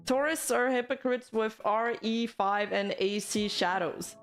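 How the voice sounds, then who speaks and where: A woman's voice: on the high side, measured pace. Casual woman livestreamer over music. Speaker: livestream host. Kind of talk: casual livestream chat and commentary, reading viewer comments.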